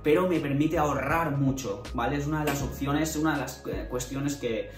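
A man's voice: medium pitch, moderate pace, distant mic. A man in his twenties from Spain talks loosely to the camera, tagging questions onto his sentences. His voice sits a little back from the mic in a roomy bedroom. Faint music plays behind him. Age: 20s. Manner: conversational, many fillers and tag questions. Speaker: vlogger. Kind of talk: casual talk to camera. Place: bedroom indoors. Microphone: camera at desk distance.

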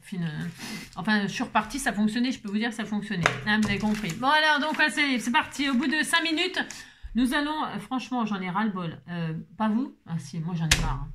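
A middle-aged woman hosting a crafting channel, telling stories in a casual, lively way with lots of fillers. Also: a little high, brisk, noisy background. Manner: lively, animated storyteller with many fillers. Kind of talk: casual chatty vlog storytelling.

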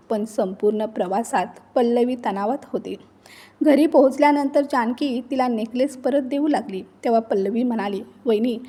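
A woman narrating an emotional storybook tale in a steady reading voice. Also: fairly high pitch. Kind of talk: scripted narration.

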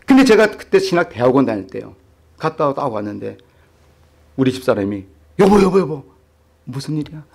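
A man's voice: mid-range voice, gravelly. A middle-aged male pastor telling a story in a sermon, acting out the voices in it and putting questions to the congregation. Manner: animated, acts out quoted voices, asks the congregation questions.

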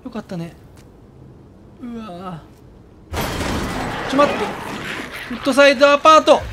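High lively guy streaming a game, squeals at scares, game music behind. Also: takes it slowly, very noisy. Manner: jumpy, yelps and squeals at scares. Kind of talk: let's play commentary.

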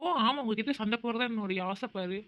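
A woman's voice: a little high, quick pace, fairly bright tone, a little hiss or hum, natural voice. A woman voicing a cold, bitter young man who answers his girlfriend curtly and sarcastically in a cartoon. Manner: curt, sarcastic. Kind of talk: cartoon voice acting.

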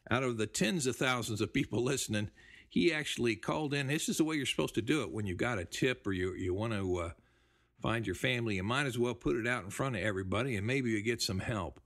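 A man hosting a genealogy show, chatting casually as he reads through listener emails, with relaxed, rambling speech. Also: mid-range voice, fast talker. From United States. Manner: relaxed, rambling, with fillers and restarts. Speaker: podcast host. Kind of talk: casual talk reading listener mail.

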